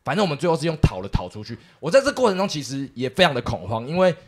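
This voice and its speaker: Animated fast-talking man. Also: a little high, soft background music. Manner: animated, mimics people in the story, swears. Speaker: podcast co-host. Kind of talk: casual storytelling chat.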